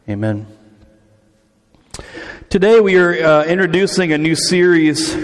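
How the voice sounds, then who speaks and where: A man in his forties preaching a sermon in a church hall, chatty and quizzing the congregation, his voice echoing through a big hall. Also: medium pitch. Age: 40s. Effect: big hall echo. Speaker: pastor. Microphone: PA microphone. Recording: reverberant hall.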